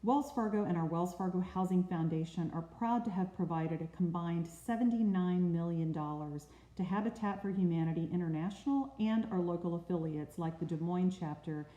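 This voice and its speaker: A woman's voice: on the low side, moderate pace, dark tone, roomy sound, rough recording. A woman representing a corporate sponsor, giving prepared, polished remarks. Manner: polished, scripted.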